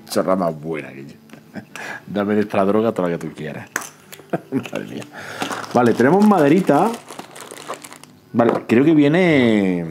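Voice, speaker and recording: A man, excitedly unboxing a board game in casual talk, often pleading to himself and chattering to viewers. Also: lowish voice, a little hiss or hum. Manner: excitable, pleading and self-talking. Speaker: board game channel host. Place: indoors at a table, off camera.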